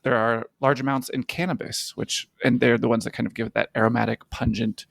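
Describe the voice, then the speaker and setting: A man's voice: medium pitch, little pitch movement, fairly quick, vocal fry, no room sound. A young man co-hosting a casual podcast, explaining medical science in plain words and laughing easily. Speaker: podcast co-host, physician.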